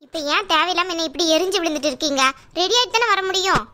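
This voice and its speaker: Woman doing a young sister-in-law, whiny, complaining, very high bright voice. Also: rapid-fire. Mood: sulky. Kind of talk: cartoon voice acting.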